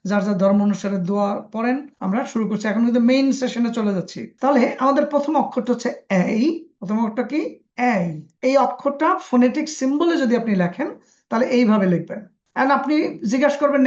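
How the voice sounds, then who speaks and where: A woman with a Bangladeshi Bengali accent teaching a phonics class over a video call. She drills sounds slowly and coaxes the class with a self-assured tone. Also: fairly high pitch. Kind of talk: online pronunciation class. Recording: echoey, dull lo-fi webinar audio.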